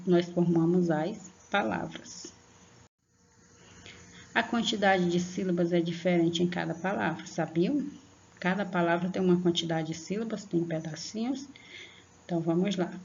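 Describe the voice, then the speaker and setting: Gravelly-voiced teacher woman, patiently explaining. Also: lowish voice, dark tone, dull audio, a little hiss or hum. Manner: patient, slow and drawn-out on example words, frequent "tá?" check-ins. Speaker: primary school teacher. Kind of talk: online lesson for young children.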